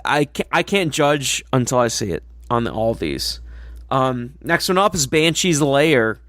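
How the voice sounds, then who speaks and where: A man co-hosting a casual podcast reads event descriptions aloud, tripping over words and tossing in asides. His voice sits at a middling pitch with a close, dry sound and no room around it. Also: big pitch swings, a bit bright, no room sound. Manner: reads blurbs haltingly with slips and asides. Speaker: podcast co-host.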